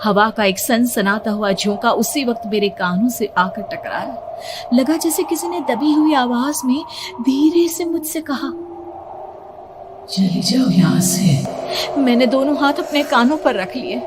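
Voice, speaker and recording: A woman telling a first-person horror story in scripted narration, tense and frightened in a dramatic way. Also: a little high.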